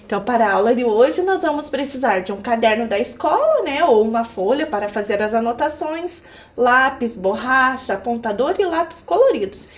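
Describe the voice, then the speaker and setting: A woman's voice: fairly high pitch, animated, normal speed. A Brazilian woman teaching a remote primary school lesson, talking to children like a cheerful kids show host and prompting them with questions.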